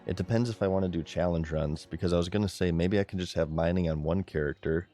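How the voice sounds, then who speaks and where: Male streamer, deep voice, excitable chatty play-by-play with soft music underneath. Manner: excitable, chatty, talks to his chat. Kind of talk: live gameplay commentary.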